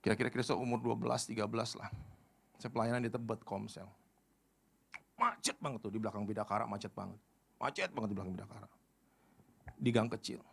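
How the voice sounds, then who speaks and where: A middle-aged male pastor giving a casual youth sermon, animated and full of colloquial slang, jumping from loud appeals to quiet stories. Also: fairly low pitch, quick pace, gravelly, pauses often, breathy edge. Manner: animated, swings from loud pleas to quiet asides; storytelling with colloquial Jakarta slang.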